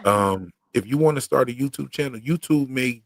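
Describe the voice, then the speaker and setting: This man speaks in a mid-range voice at a moderate pace while hosting a livestream for his own YouTube channel. He keeps things casual with slangy, rhythmic talk and shares that he once stuttered heavily.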